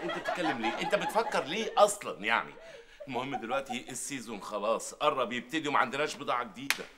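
An actor playing an exasperated, bossy bazaar owner with an Egyptian accent, scolding in rapid sitcom banter. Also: male voice, medium pitch, expressive, bright, forceful tone, a little hiss or hum. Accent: Egyptian Arabic. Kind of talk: sitcom acting.

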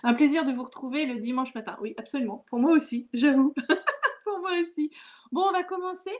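A woman's voice: high-pitched, fairly quick. A woman hosting a live watercolor lesson from home, chatting casually, greeting viewers and laughing often. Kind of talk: casual live-stream chat.

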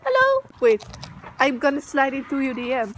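A teenage girl goofing around on camera, loud and silly, with playful swearing. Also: high-pitched, fairly even intonation, moderate pace. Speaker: vlogger. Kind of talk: goofy casual chat on camera. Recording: clear background noise.

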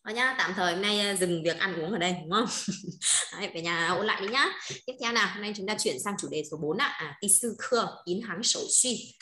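A woman teaching an online Chinese lesson, briskly drilling each word twice and coaching her students. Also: mid-range voice, bright, forceful tone. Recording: roomy echo.

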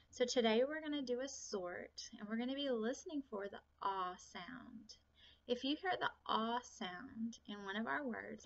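A woman teaching a phonics lesson to young children, speaking slowly and deliberately, stretching out sounds and repeating each word. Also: a little high, creaky, sharp tone. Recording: slightly dull lo-fi recording.

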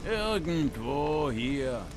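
An actor playing a jovial, mocking bandit in a video game, teasing and carefree. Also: male voice, a little high, sing-song, drawn-out words, background noise, full character voice. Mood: amused, mocking. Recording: music underneath.

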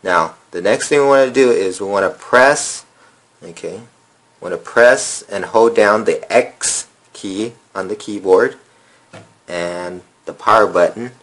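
A phone repair tutorial host, a man with a lowish, unhurried voice, sits at a table in an indoor room. He relaxedly walks viewers through a phone reset step by step, filling his speech with plenty of ums and uhs.

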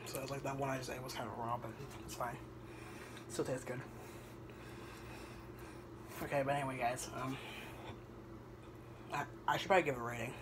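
A young man rambles through a casual home cooking vlog, hesitating often with ums. He speaks at an ordinary middle pitch. He is picked up by a camera sitting on the kitchen counter, with clear background noise in the recording. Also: flat delivery, moderate pace, long pauses. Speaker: vlogger. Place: home kitchen at night, indoors.

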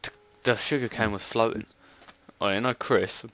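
A man's voice: fairly low pitch, fairly even intonation, moderate pace, a bit bright. A young man, joking and laughing while playing a game with a friend, sometimes yelping in surprise. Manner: joking, laughs a lot, yelps when surprised. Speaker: let's play co-host. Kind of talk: casual gaming chat.

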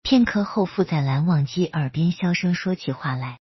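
Low, husky woman storyteller. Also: moderate pace, no echo, highs cut off. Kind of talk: serialized fan fiction narration.

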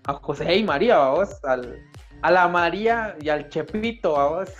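A man's voice: on the high side, expressive, normal speed, lo-fi sound, soft background music. A young man with a Central American Spanish accent, co-hosting a casual podcast chat, joking and slangy, laughing often. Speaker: podcast co-host.

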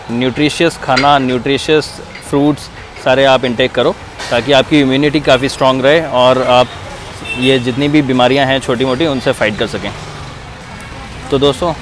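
A man's voice: medium pitch, fairly even intonation, brisk, over music. A man in his thirties hosting a casual travel vlog outdoors, talking cheerfully to his viewers into a phone at arm's length. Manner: cheerful, keeps addressing viewers as friends. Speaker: travel vlogger. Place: outdoors on busy city roads and a market. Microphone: phone held at arm's length. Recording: street traffic noise behind.

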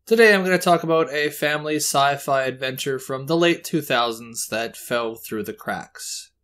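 A man talking through a movie review in an easy, chatty way. His pitch sits in an ordinary middle range, and he drifts into small joking asides about himself as he goes. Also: moderate pace. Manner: chatty, self-deprecating, relaxed asides. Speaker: host.

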